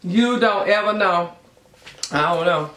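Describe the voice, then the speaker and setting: A vlogger chatting casually and bluntly to viewers between bites of food, telling things in an animated way. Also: mid-range voice, unhurried, noisy background. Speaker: mukbang vlogger. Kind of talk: casual chatty mukbang vlog while eating. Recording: echoey room.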